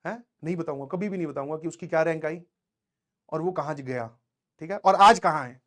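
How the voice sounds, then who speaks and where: This man's voice is on the high side and fairly quick. As a teacher, he offers students a motivational talk in a conversational tone, recalling personal experiences from his school days and frequently checking that everyone is following.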